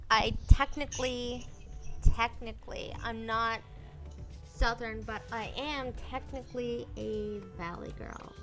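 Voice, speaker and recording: A woman chatting playfully as a guest on a casual podcast. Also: a little high. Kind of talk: casual chat.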